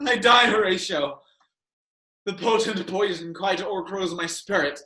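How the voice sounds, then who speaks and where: An actor playing an anguished, vengeful young dying prince in a declamatory Shakespearean style. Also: male voice, sits high, roomy sound, full character voice. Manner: declamatory, swinging from shouts to hushed lines. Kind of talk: Shakespearean stage acting.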